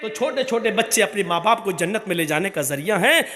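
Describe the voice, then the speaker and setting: High, piercing, impassioned male preacher. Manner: chanting, shouting, emotional. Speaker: Islamic preacher. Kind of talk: impassioned sermon. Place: public religious gathering.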